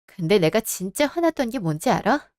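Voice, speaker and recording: Cool, cutting young wife's voice. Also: female voice, medium pitch, big pitch swings, fairly quick, a little mellow, dry recording, studio quality. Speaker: narrator and lead of a story drama. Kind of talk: radio drama narration and acting.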